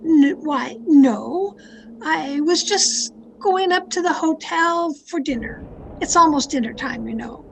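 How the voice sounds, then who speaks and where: Here the same radio-play actress narrates her character's crime, a guarded, nervous woman full of secrets, in an old-time 1940s mystery style. The delivery is deliberate and suspenseful, with a high-pitched, expressive, gravelly full character voice, and the home video-call audio is noisy.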